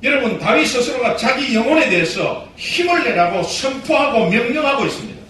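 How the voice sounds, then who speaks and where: A man, a pastor, preaching a sermon with emphatic exhortation that swings between loud commands and quiet asides. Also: very high-pitched, animated, fairly quick, distant mic. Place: church sanctuary. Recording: echoey hall, voice heard from afar, faint noise.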